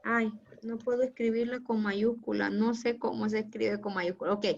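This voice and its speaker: Woman teacher, high bright voice, patient, muffled call audio. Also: little pitch movement, normal speed, creaky. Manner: patient, affectionate, asks the class questions. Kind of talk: online class lecture.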